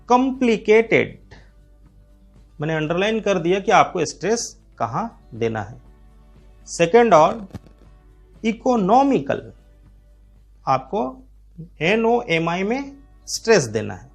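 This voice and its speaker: An Indian man gives an English reading lesson with a high, lively voice that rises and falls a lot. He talks slowly and stretches out each English term. Soft music plays behind him. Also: vocal fry. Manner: slow, drawn-out delivery of English terms. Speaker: English teacher. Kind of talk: explanatory lesson.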